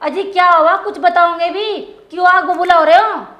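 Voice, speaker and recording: A woman's voice: very high-pitched, normal speed, highs cut off. An actress playing a landlord's wife who pleads with her angry husband. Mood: pleading. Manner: pleading, placating. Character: meek puzzled village landlord's wife. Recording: roomy echo.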